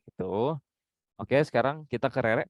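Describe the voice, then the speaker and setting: A man's voice: medium pitch, animated, moderate pace, no room sound. A man mentoring journalism students, giving direct, instructive feedback and demonstrating intonation himself. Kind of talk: coaching critique.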